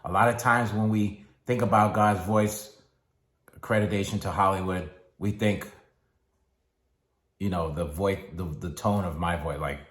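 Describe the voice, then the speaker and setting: A man giving a motivational sermon in a slow, deliberate way with long pauses. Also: sits low, fairly even intonation, a bit bright. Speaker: speaker. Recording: echoey room.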